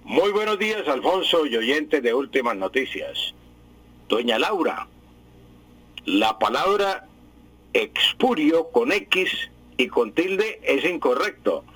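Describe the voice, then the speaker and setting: A man's voice: on the high side, sing-song, slow, fairly bright tone, slightly rough, no room sound, low-quality recording. A man explaining word spelling and meaning to radio listeners in a patient, explanatory way with many fillers. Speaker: language expert answering listeners.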